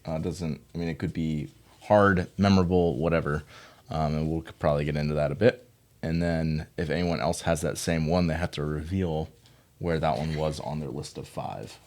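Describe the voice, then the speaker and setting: A man hosting a casual gym podcast, relaxed and full of fillers as he explains workouts. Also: very deep voice, moderate pace. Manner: relaxed, filler-heavy, laughs often. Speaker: gym coach and podcast host.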